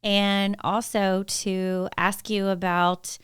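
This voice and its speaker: Enthusiastic woman podcast host, mid pitch, crisp dry voice. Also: level tone, takes it slowly, a bit bright, dry recording. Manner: upbeat, enthusiastic. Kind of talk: interview host, casual chat.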